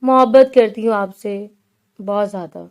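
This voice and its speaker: A woman reading the lines of a shy, playful young wife in an audiobook, soft and gentle. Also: medium pitch, close to an everyday voice.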